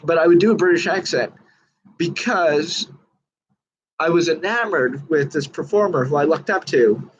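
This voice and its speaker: Earnest rambling man, husky and lo-fi. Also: on the high side, moderate pace. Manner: earnest, rambling with many fillers and restarts. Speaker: magician reviewing a book. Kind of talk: casual talk to camera.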